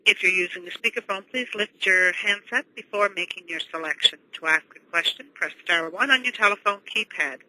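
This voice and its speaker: A woman's voice: fairly low pitch, a little fast, hardly any pauses, a little hiss or hum, low-quality recording. A woman working as a conference call operator, reading formal scripted announcements. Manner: formal, even.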